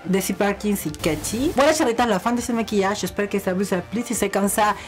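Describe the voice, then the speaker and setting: A woman's voice: medium pitch, a little fast, soft background music. A young woman with a non-native French accent, chatting through a makeup tutorial and speaking fondly to her viewers with gushing exclamations. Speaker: beauty vlogger.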